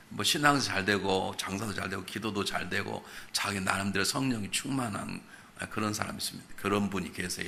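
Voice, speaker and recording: A male pastor delivers a revival sermon in a church, his voice gravelly and bright with a forceful edge. He speaks straight to his congregation and pushes them with rhetorical questions. He acts out everyday conversations with animated emphasis. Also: fairly low pitch.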